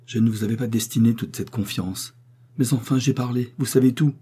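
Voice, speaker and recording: A man's voice: medium pitch, fairly even intonation, brisk, dark tone, husky, natural voice. A man reading an audiobook, voicing a proud and passionate young heiress who distrusts her suitors, speaking with vehement feeling. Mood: subdued. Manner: impassioned, vehement, sometimes tearful.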